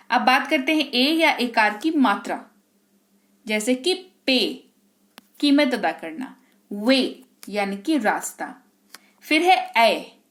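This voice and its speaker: High-voiced woman teaching pronunciation. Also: a bit bright. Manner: drills words aloud, slow and stretched, with many check-ins to the class. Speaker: English teacher. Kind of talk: spoken classroom lesson.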